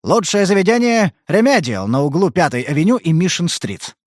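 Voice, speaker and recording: A man's voice: sits high, sing-song, brisk, no room sound, voice pushed up. A hard-bitten detective snaps out curt, blunt lines, as a man reads his part. His tone jumps widely as his temper rises. The sound is close and dry. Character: gruff, irritable hard-bitten male detective. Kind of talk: audiobook character reading.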